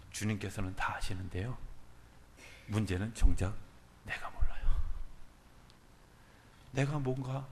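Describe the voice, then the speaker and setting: A man preaching a sermon as pastor, swinging from loud urging to soft near-whispers. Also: fairly low pitch, slight background noise. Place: church sanctuary. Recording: church hall with long reverb.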